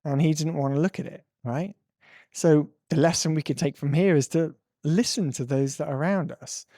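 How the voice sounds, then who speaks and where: A man's voice: medium pitch, darkish tone, no echo, studio quality. A male tic coach giving an earnest, rambling talk with frequent laughs. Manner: earnest, ranting, breaks into laughs. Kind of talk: casual monologue commentary.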